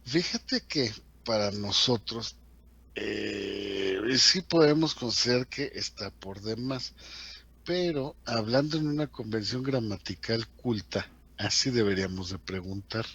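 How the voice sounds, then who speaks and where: A man's voice: fairly low pitch, unhurried, vocal fry, a bit bright, husky, highs cut off. A man teaching an English grammar class in a chatty way, asking his students questions as he goes. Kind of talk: classroom lesson explaining grammar.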